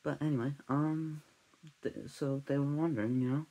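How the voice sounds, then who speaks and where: Husky rambling man telling a mock crime story. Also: a little high, fairly even intonation, moderate pace, dark tone, rough recording. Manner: rambling, scatterbrained, goes off on tangents. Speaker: comedic podcast host. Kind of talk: deadpan parody true-crime storytelling.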